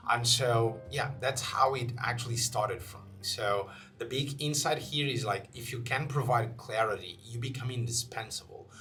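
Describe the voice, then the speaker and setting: A young Portuguese channel host chats casually to camera in English, his accent clear and his mid-range voice a bit bright. He uses many fillers and restarts, and soft guitar music plays faintly underneath.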